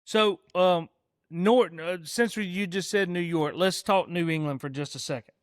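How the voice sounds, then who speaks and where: A man's voice: sits high, moderate pace, no room sound, clean studio sound. A man hosting a podcast, chatting casually in a rambling, emphatic and profane way. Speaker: podcast host. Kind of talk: casual chat.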